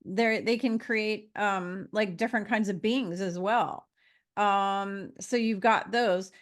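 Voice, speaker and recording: A woman in her fifties talks as a guest in a relaxed conversation, her voice sitting at an ordinary middle pitch. She wanders through her points, pausing on fillers and circling back to restart her sentences. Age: 50s. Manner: meandering, with frequent fillers and restarts. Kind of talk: casual conversation.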